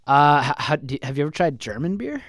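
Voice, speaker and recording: A young man in casual chat, easygoing and quick to laugh. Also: fairly high pitch, big pitch swings, fairly bright tone, no room sound, studio quality.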